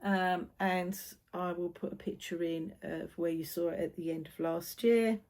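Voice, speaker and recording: A woman's voice: lowish voice, fairly even intonation, a little slow, a little mellow. A woman with a British accent chatting casually as a vlog host, often repeating phrases for emphasis. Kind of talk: casual chat.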